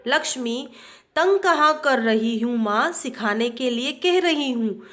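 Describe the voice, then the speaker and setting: An eager young village girl pleads to learn her father's craft, as a woman teacher reads her part aloud. She speaks slowly and insistently in a fairly high voice. It sounds like a storybook reading. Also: lively intonation, a bit bright. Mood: pleading.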